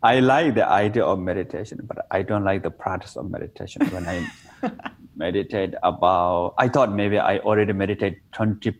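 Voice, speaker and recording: Speaking at a moderate pace in a deep voice, a Nepali man who teaches meditation recounts meditation stories. The interview is light-hearted and relaxed, and his English is simple and broken, with a Nepali accent.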